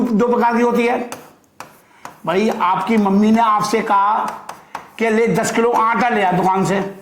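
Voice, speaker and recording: High-voiced Hindi accounting teacher, echoey room. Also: male voice. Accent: Indian English. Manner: asks the class questions and answers them himself, calls students "beta" and "bachhon"; slow, drawn-out repetition of key terms. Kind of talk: classroom lecture. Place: classroom with a digital board.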